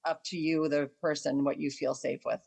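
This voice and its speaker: A woman with a lowish voice talks through dog training in a relaxed, instructive way. She explains step by step, patient and practical, pausing on little ums. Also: vocal fry, breathy edge, rough recording. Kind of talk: casual explanatory chat.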